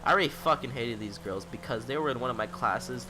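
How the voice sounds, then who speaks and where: A man's voice: medium pitch, fast, background noise. A young man in his late teens ranting in a rambling, exasperated vlog monologue, swearing constantly. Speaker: vlogger.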